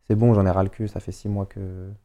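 A young man with a Paris suburbs accent, a footballer chatting as a podcast guest, slangy and animated as he acts out what people said. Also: low-pitched, fairly quick. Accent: Parisian suburbs French. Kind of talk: casual storytelling chat.

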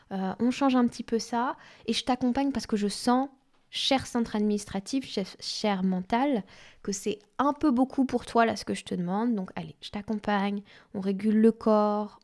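A woman speaking as her gentle coaxing soul. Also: fairly high pitch, close to an everyday voice. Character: a woman's own soul, kind and expansive.

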